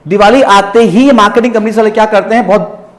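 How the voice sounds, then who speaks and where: A man teaching a business class in a lively lecture style, often checking in with his students. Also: high-pitched, quick pace, reverberant. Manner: lively, asks students rhetorical checks, mixes English into Hindi.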